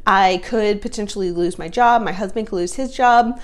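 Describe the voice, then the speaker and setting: A woman's voice: medium pitch, moderate pace. A young woman, chatting casually to her viewers in a personal finance vlog, upbeat and friendly. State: pregnant.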